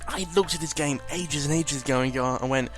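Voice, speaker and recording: With soft music underneath, a man with a rather high, somewhat bright voice delivers brisk game commentary for a video. He is informal and sweary, rambling along and often correcting what he has just said.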